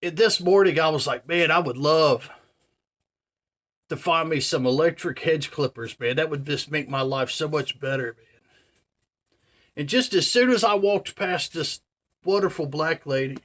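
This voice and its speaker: A man's voice: fairly high pitch, measured pace, long pauses, fairly bright tone. A man in his forties rambles through a casual video monologue in a slightly raised voice. He leans on fillers like "you know" and "man" and stresses his points with earnest wonder. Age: 40s. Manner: chatty, filler-heavy, says "man" and "you know" a lot; earnest, marvelling emphasis. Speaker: vlogger.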